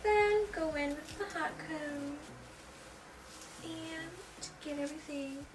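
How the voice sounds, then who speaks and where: A woman's voice: sits high, slow, background noise. A young woman chatting casually through a get-ready-with-me beauty vlog, loose and talky with slang and fillers. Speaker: beauty vlogger.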